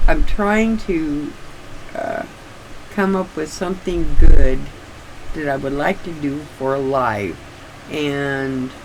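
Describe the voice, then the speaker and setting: An older woman chatting casually and haltingly, with slightly restricted articulation, as if her sore jaw won't open wide. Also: deep voice, gravelly, background noise. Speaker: craft vlogger. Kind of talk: casual rambling chat.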